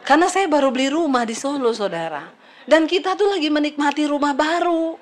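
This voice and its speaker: Middle-aged lady pastor preaching, highish voice, lively and teasing, talks right to the crowd. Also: brisk. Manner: lively, teasing, addresses congregation directly. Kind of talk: sermon.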